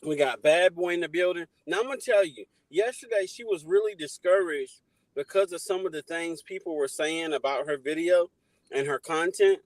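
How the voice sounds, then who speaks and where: A man's voice: a little high, normal speed, no echo, low-quality recording. A man hosting a livestream in a casual, chatty style. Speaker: livestream host.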